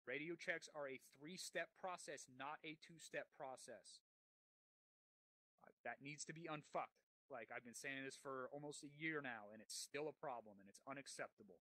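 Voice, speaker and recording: Blunt, sweary man, bright and close. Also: mid-range voice, moderate pace, dry recording, rough recording. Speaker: unit commander leading a debrief. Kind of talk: military-roleplay debrief over game voice chat.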